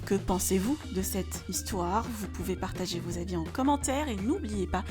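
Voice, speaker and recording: A woman reads celebrity gossip in a brisk, matter-of-fact scripted narration, at an ordinary middle pitch. Loud background music plays under her voice throughout.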